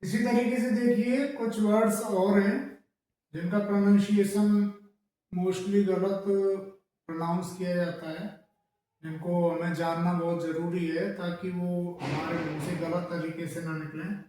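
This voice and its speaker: Slow echoey Indian teacher spelling words. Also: male voice, sits high, little pitch movement, warm tone, distant mic. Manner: slow and deliberate, spelling out words letter by letter and repeating them. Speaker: English pronunciation teacher. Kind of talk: classroom-style lesson.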